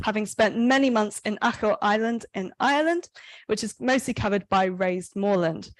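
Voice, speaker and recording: A woman's voice: medium pitch, low-quality recording. A woman moderating an event, delivering a scripted introduction in an orderly presenting manner.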